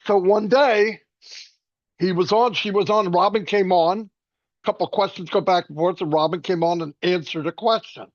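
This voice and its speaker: A man on a webinar telling a story in a casual, animated way, acting out the voices he quotes and restarting often. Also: high voice, moderate pace, dry recording, dull audio.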